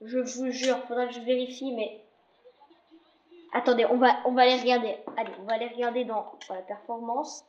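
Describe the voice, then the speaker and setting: High-voiced chatty young woman gamer. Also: little pitch movement, moderate pace, darkish tone, roomy sound, dull audio, slight background noise. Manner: chatty, jokey, swears often. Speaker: gaming video creator. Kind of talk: casual football game commentary.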